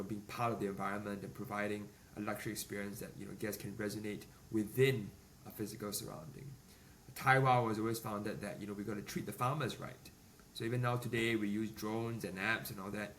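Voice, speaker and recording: A Singaporean business executive in his forties answers podcast interview questions in a measured manner, though with many fillers and restarts. His voice is on the low side and a bit bright. The mic is distant, picking up faint ambient noise.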